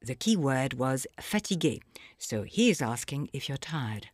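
A woman narrating a scripted audio language lesson, explaining phrases slowly and clearly for the listener to repeat. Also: rumbling low, sing-song, no echo, clean studio sound. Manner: slow, clear teaching delivery with pauses for repetition.

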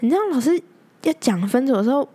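Lively dramatic young Taiwanese woman. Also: high-pitched, fast. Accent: Taiwanese Mandarin. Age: young adult. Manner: dramatic, exaggerated, chatty. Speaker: podcast host. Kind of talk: casual storytelling chat.

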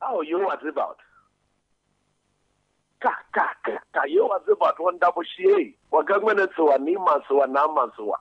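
A man's voice: sits high, very animated, moderate pace, vocal fry, breathy edge, no room sound. Chanting man on a phone line. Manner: chanting, exclaiming, switching between languages. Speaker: pundit calling in.

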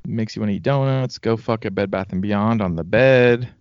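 Casual man, lowish voice, sarcastic commentator, dull lo-fi recording. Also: clear, resonant tone, no echo. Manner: quick questioning, sarcastic commentary. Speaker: co-host watching a TV show. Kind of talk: casual chat. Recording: dull lo-fi dry sound.

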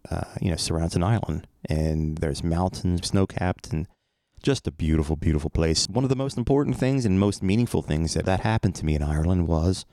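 Deep, gravelly American man, podcast host. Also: brisk, warm tone, no echo, clean studio sound. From United States. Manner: conversational, earnest. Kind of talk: casual reflective monologue.

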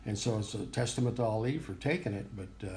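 A man's voice: fairly low pitch, fast talker, a little hiss or hum. A man chatting casually as a guest commentator, acting out the action with sound words. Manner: animated, acts out punches with sound words. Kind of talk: casual chat.

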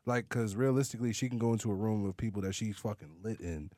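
Male podcast guest, low and relaxed, dry close sound, street slang. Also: fast talker, no echo. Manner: laid-back, slangy, swears often. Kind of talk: casual podcast chat.

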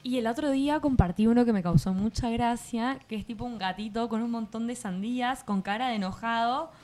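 A woman's voice: fairly high pitch, a little fast, darkish tone. Chatty young Argentine woman. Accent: Rioplatense Spanish. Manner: chatty, rambling, lots of fillers. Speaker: co-host. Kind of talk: casual podcast chat.

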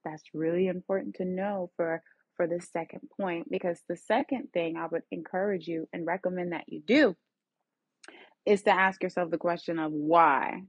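A woman with a low, husky voice talks earnestly as a therapist hosting her own podcast, putting question after question to her listeners. The sound is dry and a little dull, with no room around it. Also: steady tone, normal speed, no echo. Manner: earnest, coaching, asks many questions. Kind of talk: solo podcast talk.

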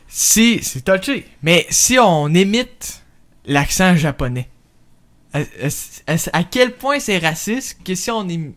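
A Québécois man co-hosting a comedy podcast in a fairly high voice. He rambles and restarts his sentences, tossing in quick asides between thoughts. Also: a bit bright. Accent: Québécois French. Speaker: podcast co-host. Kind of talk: casual comedy podcast chat.

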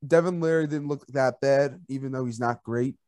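Rowdy and often laughing, another man co-hosts the casual college football betting show, chanting fight songs as he picks games. His medium-pitched voice has a darkish tone and a normal speed. Sound is studio quality, without room sound.

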